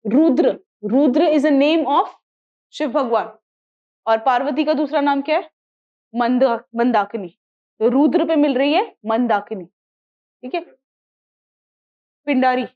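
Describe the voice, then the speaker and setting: A geography teacher for exam prep, a woman with an Indian accent, gives a classroom lecture mixing Hindi and English in a high, unhurried voice. She is repetitive, drills mnemonics, and asks students questions to check they follow. The audio is a little muffled and lo-fi.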